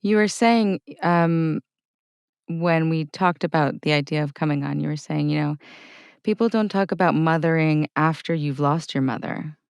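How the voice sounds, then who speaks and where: A woman hosting a podcast interview, playful and quick to jump in with teasing remarks. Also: sits low, smooth, no echo. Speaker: podcast host. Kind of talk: casual interview chat.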